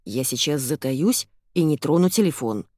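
A woman's voice: low-pitched, expressive, moderate pace, mellow, no room sound, studio quality, pitched below the performer's own voice. A woman reading a mumbling, helpless police colonel. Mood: dazed. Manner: mumbling, childlike whine. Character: bewildered middle-aged male police colonel, helpless.

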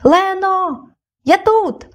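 A woman voicing a bold, reckless little girl in an audiobook, talking in a loud, daring and teasing way. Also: very high voice, lively intonation, very slow, pitched above the performer's own voice, full character voice. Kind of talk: audiobook character voice.

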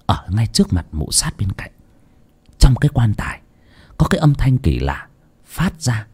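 A man's voice: medium pitch, very animated, normal speed, a little mellow, slightly rough. A man narrating a village ghost story in a dramatic, suspenseful way.

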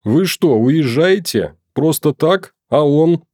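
Man doing a shrill old female street sweeper, bossy, screechy, storybook. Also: animated, a little slow, warm tone, no room sound, clean studio sound, natural voice. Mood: indignant.

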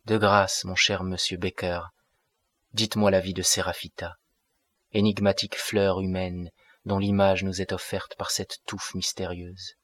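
A man's voice: low voice, little pitch movement, a little slow, a bit bright, dry recording. A man reading the lines of a passionate, brooding young man in a storybook reading. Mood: exalted.

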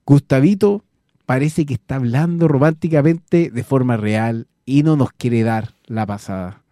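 A man's voice: medium pitch, unhurried, warm tone, no room sound, clean studio sound. A man with a Chilean accent co-hosting a casual late-night radio show, joking and bantering with his partner. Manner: joking, banter-heavy, coaching his co-host. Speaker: radio co-host. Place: community radio studio.

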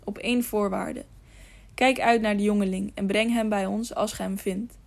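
A woman's voice: medium pitch, fairly even intonation, normal speed, creaky, close to an everyday voice. A woman reading the lines of a stern, commanding grey knight, questioning sharply and harshly.

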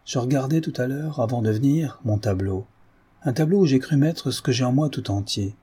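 A man's voice: medium pitch, normal speed, dark tone, slightly rough, pitched above the performer's own voice, close to an everyday voice. A man playing a tormented, guilt-ridden painter. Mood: anguished. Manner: anguished, bitter self-reproach. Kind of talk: audiobook character reading.

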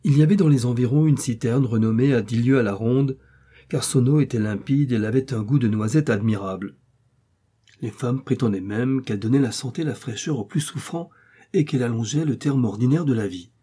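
Narrateur masculin, lecture posée d'un conte, timbre sombre, voix voilée. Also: male voice, mid-range voice, mellow, husky. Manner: measured, literary reading. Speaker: audiobook narrator. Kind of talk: scripted narration.

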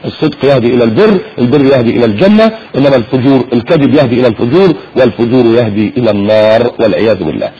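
A man with an Egyptian Arabic accent giving a colloquial sermon, swinging from loud to hushed and acting out little dialogues. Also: mid-range voice, animated, very fast, hardly any pauses, muffled recording, a little hiss or hum. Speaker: preacher.

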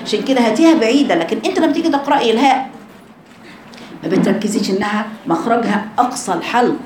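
Egyptian woman, recitation teacher, a little high, asks questions and drags out sounds; echoey, noisy room. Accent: Egyptian Arabic. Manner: explains with questions, demonstrates sounds by drawn-out chanting. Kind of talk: informal tajweed lesson to female students.

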